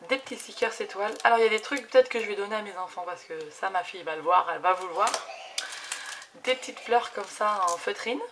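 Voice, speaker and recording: A woman in her thirties chatting casually at her home craft desk, enthusiastic and full of fillers as she unboxes gifts, recorded on a camera set low on the desk. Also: fast. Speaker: craft YouTuber. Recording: audible background noise.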